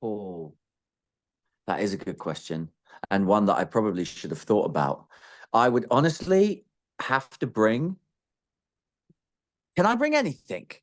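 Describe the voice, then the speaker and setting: Young guy from greece raised in england, animated interview chat, voice goes up and down a lot. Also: lowish voice, a little slow, pauses often. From born in Greece, raised in England. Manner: animated, laughing, stumbling restarts. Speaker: interviewed musician.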